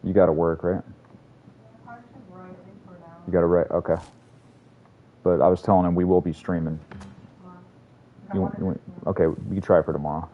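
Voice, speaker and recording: A man's voice: sits low, flat delivery, a little fast, long pauses, phone-quality sound, slight background noise. A man streaming a video game, rambling and swearing casually as he talks to his chat. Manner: rambling, profane, chatty. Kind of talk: casual gameplay commentary to a live chat.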